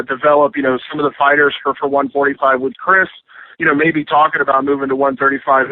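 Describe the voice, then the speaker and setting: A man's voice: a little high, no echo. A man asking press questions as a reporter on a conference call. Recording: dry, tinny phone line.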